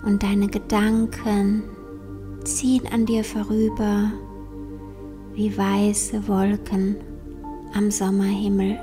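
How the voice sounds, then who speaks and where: Very slow, soft whispery woman guiding meditation. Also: mid-range voice, monotone. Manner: soothing, very slow, with long pauses. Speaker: meditation guide. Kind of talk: guided meditation in a soft, breathy near-whisper. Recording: soft new-age music behind. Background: new-age meditation music.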